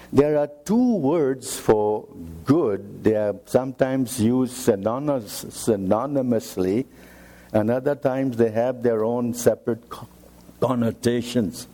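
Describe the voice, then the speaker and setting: A man preaching a sermon, slow and emphatic, repeating key phrases for weight. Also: medium pitch, mellow.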